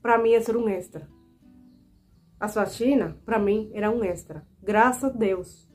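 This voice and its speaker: A woman's voice: medium pitch, unhurried, soft background music. A Cuban woman in her twenties, speaking Portuguese as a second language with a Cuban Spanish accent, chatting casually to her viewers as she tells a story. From Cuba. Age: 20s. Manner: chatty, animated, frequent fillers and asides to viewers. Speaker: vlogger.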